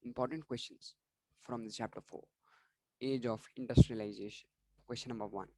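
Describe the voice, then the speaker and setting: A man's voice: mid-range voice, fairly even intonation, normal speed, noisy background. A man going through exam questions and answers for students in an online revision lesson, often restarting words and apologizing for slips. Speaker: online tutor.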